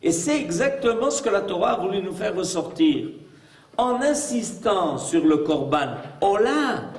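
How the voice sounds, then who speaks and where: A man's voice: high voice, sing-song, measured pace. A man as a rabbi giving a religious lesson, emphatic and full of rhetorical questions. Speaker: rabbi teaching a class. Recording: echoey room, mic far off.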